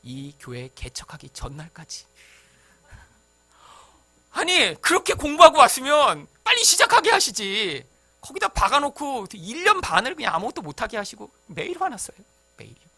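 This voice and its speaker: A man delivers a sermon in a high, very lively voice that leaps up and down. His tone is strikingly bright and forceful, and it is recorded close and dry with no room echo. He talks to the congregation conversationally, then bursts out loudly. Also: normal speed, slightly rough. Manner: animated, conversational preaching with sudden loud outbursts. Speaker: pastor.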